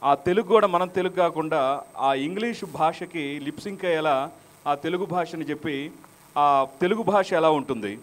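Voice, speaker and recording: On stage, a male mimicry artist chats with the audience to introduce each of his impressions. His voice sits fairly high and moves at a moderate pace in this patter between acts.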